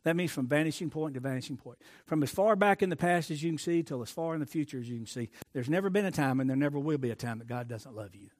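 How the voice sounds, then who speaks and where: A middle-aged man preaching a sermon in a high voice. He moves between loud, emphatic declarations and soft, hushed asides. He repeats phrases to drive his points home. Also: fast, few pauses. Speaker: pastor.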